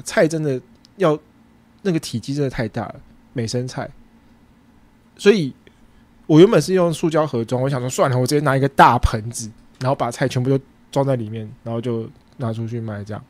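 A man with a Taiwanese Mandarin accent and a darkish voice hosts a podcast and also owns a food truck. He casually retells a story, acting out bits of dialogue with sudden pitch jumps.

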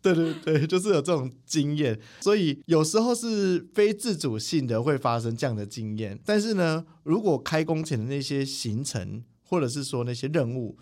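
A man, a spiritual teacher telling stories as a guest in a studio interview, animated and quick to mimic others. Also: fairly high pitch. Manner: animated, quick, mimics people mid-story. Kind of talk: casual interview storytelling. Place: podcast recording studio.

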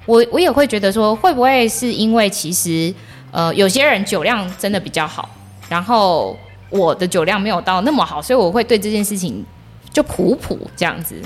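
A woman's voice: medium pitch, expressive, fairly quick, soft background music. A woman hosting a podcast in a casual, chatty way, laughing easily and murmuring along as she listens. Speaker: podcast host. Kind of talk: casual chat.

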